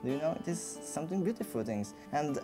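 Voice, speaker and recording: A man from Hungary with a Hungarian accent, giving informal interview remarks in halting, non-native English. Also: fairly high pitch, very animated, over music. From Budapest, Hungary. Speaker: competition barista.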